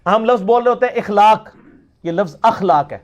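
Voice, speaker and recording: A man's voice: high-pitched, muffled recording. A man giving an emphatic question-and-answer lecture, repeating words to demonstrate how they are pronounced. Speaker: religious lecturer.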